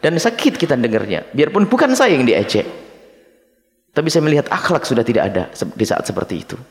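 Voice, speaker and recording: A middle-aged male preacher gives a dawn sermon, reading short Arabic lines and then explaining each one. His voice rises and falls in wide, animated swings. The long reverb of a big hall trails after every phrase. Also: fairly high pitch, fairly quick. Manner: reads Arabic phrases then explains them, addresses listeners as his children. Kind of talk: dawn sermon teaching from a text.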